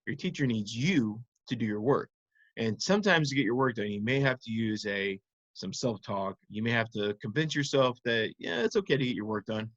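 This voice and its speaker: Male primary teacher, mid-pitched, simple instructive delivery with check-in questions, dry but slightly dull recording. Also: moderate pace, dry recording. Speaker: teacher of young children. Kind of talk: simple interactive children's lesson.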